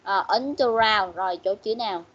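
A woman teaching an English class online, patiently coaxing pupils and repeating words slowly. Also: medium pitch, a bit bright. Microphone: video call. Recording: muffled online-call audio.

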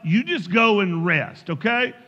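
A man's voice: high voice, lively intonation, a little slow, pushed and bright, big-room sound, lo-fi sound, exaggerated voice. A man doing a soothing, kindly woman friend. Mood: reassuring. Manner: soothing, reassuring.

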